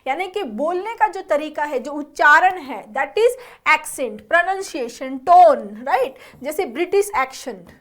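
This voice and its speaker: A young adult woman teaching vocabulary for exam prep, her voice sitting high. She explains each word and keeps asking her students questions as she goes. English terms slip into her talk often. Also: lively intonation, slow, hardly any pauses. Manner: explains and quizzes students with repeated check-ins.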